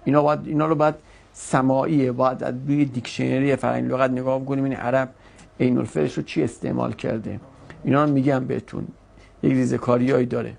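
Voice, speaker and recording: A male teacher giving a classroom grammar lesson, quizzing students with quick questions and correcting them firmly. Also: mid-range voice, flat delivery, vocal fry, a little mellow. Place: classroom with a board.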